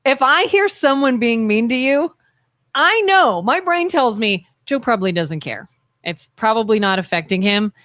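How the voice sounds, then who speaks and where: A woman in her thirties co-hosting a casual live talk show, acting out quoted dialogue with lively energy. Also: fairly high pitch, normal speed, no echo. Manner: animated, acts out quoted dialogue, laughs. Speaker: podcast co-host.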